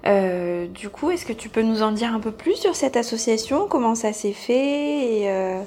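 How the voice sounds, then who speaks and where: Gravelly woman interviewer, hesitant. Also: on the high side, animated, moderate pace, dark tone, a little hiss or hum. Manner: hesitant, many fillers, friendly laughs. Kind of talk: casual interview chat.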